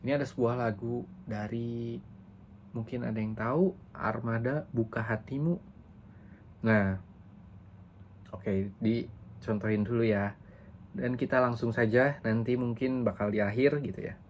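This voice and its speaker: A young man teaching a junior high class in a casual, chatty way, full of small fillers and quick asides. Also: fairly even intonation, slight background noise. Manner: chatty, leans on fillers like "gitu" and "kayak"; sings slow demo lines. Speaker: English teacher.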